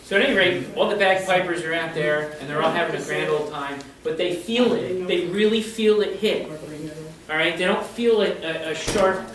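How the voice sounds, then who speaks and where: Guy doing a live history talk, fairly high voice, super echoey, sounds far from the mic. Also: moderate pace, crowd noise. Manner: chatty, keeps checking in with the audience. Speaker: history presenter. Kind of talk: live storytelling presentation to an audience.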